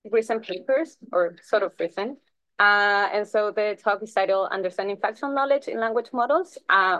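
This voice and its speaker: A woman's voice: mid-range voice, fairly bright tone, no room sound. A young woman from Chile who is a PhD researcher, giving a research presentation in a casual style with many fillers. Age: young adult.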